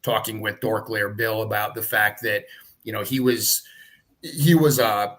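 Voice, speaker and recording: A man's voice: lowish voice, fairly even intonation, measured pace, a bit bright, rough recording. A middle-aged man explaining the lore he wrote, in casual, rambling live panel chat full of fillers. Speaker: creator of the dragon lore, show guest.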